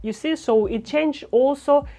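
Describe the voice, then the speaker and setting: A woman speech coach talking to camera, with a careful, deliberate delivery and phrasing. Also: sits high, warm tone. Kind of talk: instructional talk to camera.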